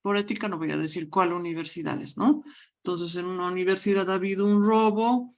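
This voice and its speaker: A woman's voice: fairly low pitch, steady tone, a little fast. A woman giving a university language lecture, repeatedly telling students to look closely and stressing question words. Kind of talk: online class lecture.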